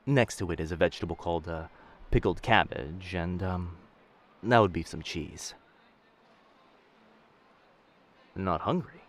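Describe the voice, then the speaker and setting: Here a man voices a gentle but dangerous pirate captain for an intimate audio drama roleplay, commanding and protective in old-time seafaring speech. His voice is low and his speed normal, with a kindly, coaxing tone.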